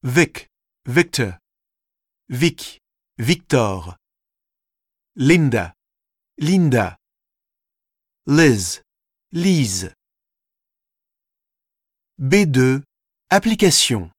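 A man narrates a language course at an unhurried, measured pace. His voice sits in a middle pitch, and every word is carefully articulated. The recording is dry and close, with no room sound. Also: very animated, no echo. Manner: slow, deliberate, carefully articulated. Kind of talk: scripted instructional narration.

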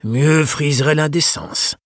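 A man's voice: a little high, steady tone, no room sound, studio quality, voice pushed up. A man putting on an old English bookseller, raised and genteel. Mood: courteous, genteel. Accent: English speaking French. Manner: formal, genteel, measured.

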